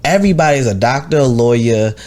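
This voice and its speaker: A man's voice: medium pitch, expressive, brisk, a little mellow. Rambling man on a podcast. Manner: loose, rambling, restarts his points. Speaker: podcast host. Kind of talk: casual group chat.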